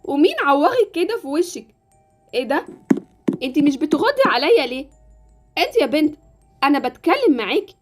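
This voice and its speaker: A woman's voice: sits high, sing-song, brisk, long pauses, faint music behind. A woman voicing a scolding, easily scared stepmother in a Roblox series, with an Egyptian accent. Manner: scolding, shrieking.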